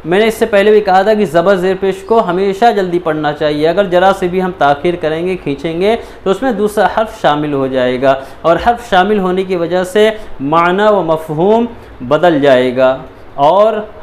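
Male Quran reading teacher, high voice, patient syllable-by-syllable drilling, faint background hiss. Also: darkish tone. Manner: patient, repeats syllables slowly, frequent "theek hai". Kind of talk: step-by-step recitation lesson.

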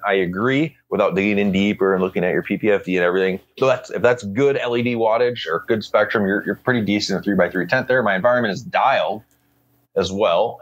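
Male host, lowish voice, easygoing rambler, casual chat. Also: muffled recording. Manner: laid-back, rambling, slangy. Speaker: podcast host.

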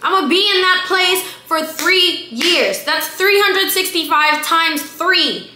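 A Filipino-born woman in her twenties, now from South Florida, vlogs to camera in a casual, emphatic, slangy way; English isn't her first language, though she has an American accent. Her voice is very high, slow, bright and forceful. She's in a small bare room that echoes, with a slight hiss or hum.

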